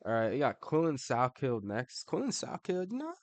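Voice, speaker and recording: Ranking fighters online, this man keeps it slangy and casual, cursing, saying "bro" nonstop and laughing between points. His medium pitch swoops wildly at normal speed. The recording is dry.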